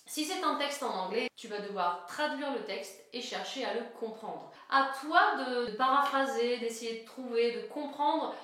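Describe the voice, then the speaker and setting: A woman's voice: fairly high pitch, moderate pace, hardly any pauses, fairly bright tone. A woman giving a singing lesson, explaining each step plainly and speaking straight to the viewer. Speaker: singing teacher. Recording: very echoey room.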